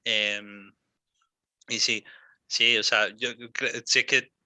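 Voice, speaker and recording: A young man, giving one-on-one English pronunciation coaching, patient and modeling words slowly with many fillers. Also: on the low side, level tone, sharp tone, no room sound. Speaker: English teacher.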